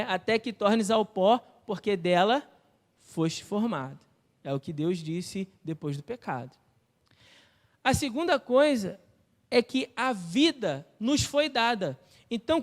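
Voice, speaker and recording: A man with a Brazilian Portuguese accent preaching a sermon as pastor of a church, teaching step by step and asking the congregation questions. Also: very high voice. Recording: long reverb of a church hall.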